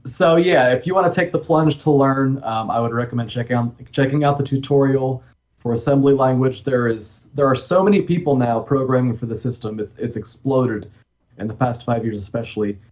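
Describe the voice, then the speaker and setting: A man answering interview questions as a game developer, talking in a relaxed, rambling way with many ums and asides. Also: medium pitch, a little fast. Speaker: guest, NES homebrew game developer.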